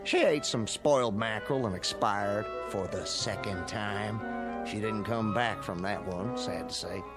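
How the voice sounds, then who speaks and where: A man's voice: fairly low pitch, a little slow, lightly acted. An actor playing a gullible, long-winded Old West townsman in old-time radio drama style, with a rustic, rambling way of telling things. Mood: mournful. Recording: loud music under the voice.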